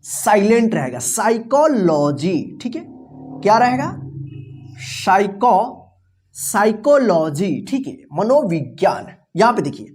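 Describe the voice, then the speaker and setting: A woman's voice: mid-range voice, a little mellow. A woman teaching an English vocabulary lesson. She spells words out letter by letter, asks the learners questions and patiently repeats each answer and its meaning. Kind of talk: classroom-style vocabulary lesson.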